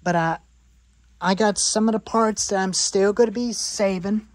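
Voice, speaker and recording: A woman's voice: mid-range voice, steady tone, normal speed, no echo. Young woman rambling through a garage tour. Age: 20s. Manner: rambling, repeats phrases, lists parts. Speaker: chainsaw hobbyist vlogger. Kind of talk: rambling show-and-tell in a workshop. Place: cluttered garage workshop.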